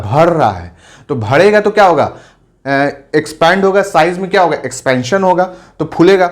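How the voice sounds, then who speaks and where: A man teaching a biology lesson, who keeps asking questions and answering them himself and mixes English science terms into his speech. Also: sits high. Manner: acts out short quotes of angry and calming friends. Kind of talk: classroom lecture.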